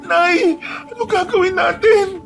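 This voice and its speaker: A man's voice: extremely high pitch, unhurried, vocal fry, a bit bright, soft background music, voice pushed up, full character voice. A man voicing a frightened young pregnant wife in pain who cries and pleads, in a horror story. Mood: fearful. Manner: crying, pleading.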